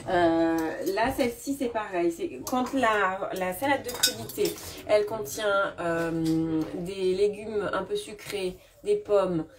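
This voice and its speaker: A woman's voice: medium pitch, slow, few pauses. A woman demonstrating a recipe in her kitchen during a live stream, chatting casually with many fillers and restarts and replying to viewers' comments. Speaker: cooking demonstrator. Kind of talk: live cooking demo chat. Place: home kitchen. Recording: distant mic with kitchen clatter. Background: clinking dishes and utensils.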